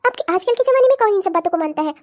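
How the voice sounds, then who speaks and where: A woman voicing a proud, bossy middle-aged mother-in-law who talks briskly and insistently. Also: extremely high pitch, lively intonation.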